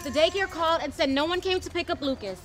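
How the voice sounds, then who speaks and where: A woman playing a firm, measured young mother in a web series drama. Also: very high voice, lively intonation, noisy background.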